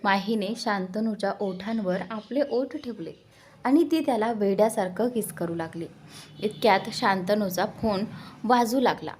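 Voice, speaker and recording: A woman's voice: medium pitch, moderate pace, darkish tone. A woman narrating a romance story, reading dramatically.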